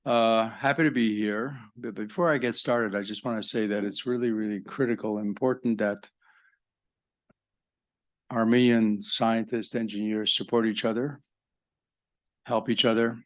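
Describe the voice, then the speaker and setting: A man's voice: lowish voice, fairly even intonation, normal speed, pauses often. Older man giving a conference talk. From Egypt. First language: French. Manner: conversational, joking asides to the audience. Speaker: conference speaker, professor.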